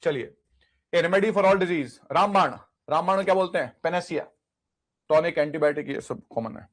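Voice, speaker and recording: An English teacher with a voice on the high side runs an exam vocabulary lesson at a moderate pace. He drills word lists through repetition and asks questions that he then answers himself.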